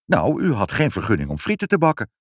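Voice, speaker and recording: A man voicing a fussy elderly male civil servant, a grandfather who talks gruffly and gets muddled, in a storybook reading. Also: medium pitch, huge pitch swings, fast talker, no echo, studio quality. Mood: flustered. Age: older. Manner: gruff, then doting and muddled.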